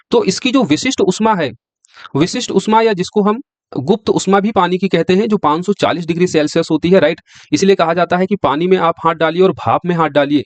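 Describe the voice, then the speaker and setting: This exam-prep science lecture comes from a male teacher with a fairly high pitch who keeps quizzing the class and answering his own questions. The sound is lo-fi, dry and slightly dull, with no echo.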